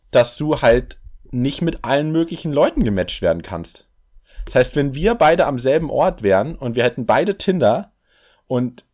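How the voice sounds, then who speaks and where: A man chatting on a casual podcast, his pitch sitting in the middle of the male range. He explains things at length, restarts his sentences often and laughs his way through his points. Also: darkish tone. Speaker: podcast co-host.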